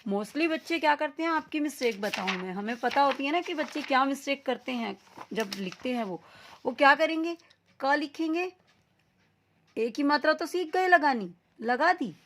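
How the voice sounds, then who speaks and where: A woman teacher giving a recorded lesson to young children, sounding out syllables slowly and with emphasis, mixing in English words. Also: high voice, expressive, fairly bright tone, slight background noise.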